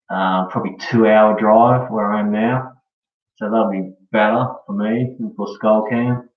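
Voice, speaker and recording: Echoey, distant, laid-back Australian guy. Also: on the low side. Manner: laid-back slangy talk, often ending on "eh" and "bro". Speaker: live streamer. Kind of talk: casual live stream chat. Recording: dull echoey room, far from mic.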